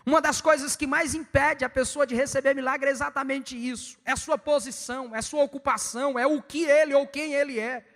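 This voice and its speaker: High-voiced preacher in a reverberant church. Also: male voice, fairly even intonation. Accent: Brazilian Portuguese. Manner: fast, emphatic preaching with sudden loud peaks. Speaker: evangelist preacher. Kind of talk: sermon.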